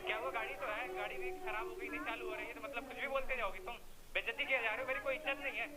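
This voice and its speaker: A man's voice: very high voice, steady tone, rapid-fire, heavy background noise. A man hosting a prank vlog, teasing and arguing in casual banter. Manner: teasing and argumentative. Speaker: prank vlogger.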